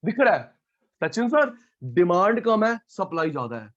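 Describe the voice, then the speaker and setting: A man's voice: sits high, very animated, unhurried, a bit bright, lo-fi sound. A male teacher running an online class, calling out students by name and repeating key terms again and again.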